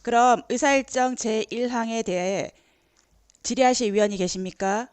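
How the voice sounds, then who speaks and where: A woman chairs a district council committee, calling for questions and declaring results in formal procedural phrasing. Her voice is smooth and a little high, heard in a dry room. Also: fairly even intonation, moderate pace, dry recording.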